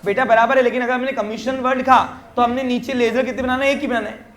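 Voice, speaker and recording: With an extremely high, steady, somewhat bright voice and a quick pace, a man teaches a commerce class in a classroom with roomy echo. His Hindi explanation, mixed with English terms, proceeds step by step, punctuated by short questions checking his students' understanding.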